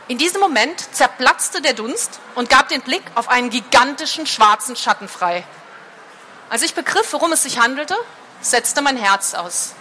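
Woman reader, dramatic book reading, bright high voice, faint hiss behind. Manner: expressive, dramatic narration.

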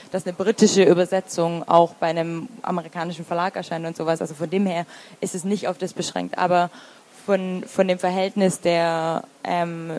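This lowish, slightly mellow female voice belongs to a Swabian-accented woman in her thirties who works as a literary translator and review editor. She responds to interview questions thoughtfully, with many fillers and false starts.

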